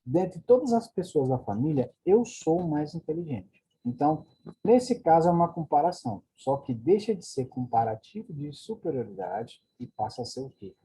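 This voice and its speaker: Dark-voiced Brazilian teacher explaining grammar. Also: male voice, a little high, very animated, normal speed, slightly rough. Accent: Brazilian Portuguese. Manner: explanatory, repetitive, checks in with "né?" and "ó". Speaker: English teacher. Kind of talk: online grammar lesson.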